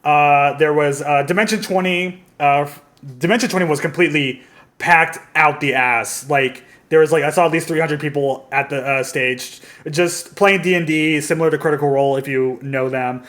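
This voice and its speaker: A man's voice: fairly high pitch, moderate pace, fairly bright tone. A man hosting a casual podcast, recalling events in a rambling way with frequent hesitations. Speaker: podcast host.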